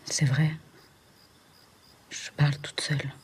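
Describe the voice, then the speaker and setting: An actress playing a troubled young mother who hears voices and speaks in a fragile, hushed or frantic way. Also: sits low, little pitch movement, takes it slowly, breathy edge, in a whisper, exaggerated voice.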